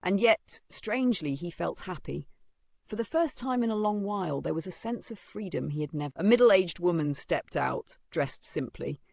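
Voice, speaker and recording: A narrator telling a story recap with dramatic, halting phrasing, close on a dry mic. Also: medium pitch, expressive, vocal fry, a little mellow, no room sound.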